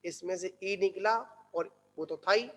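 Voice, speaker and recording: A man giving a religious discourse who asks the listeners questions and answers them himself, repeating key words slowly. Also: high-pitched. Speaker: Jain monk teacher. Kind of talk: scriptural discourse. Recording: echoey hall.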